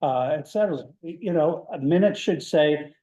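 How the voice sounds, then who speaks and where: A man's voice: fairly high pitch, normal speed, mellow, roomy sound, muffled recording. A man on a town board giving his opinion in a plainspoken, blunt, old-school way. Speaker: board member. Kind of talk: town meeting discussion.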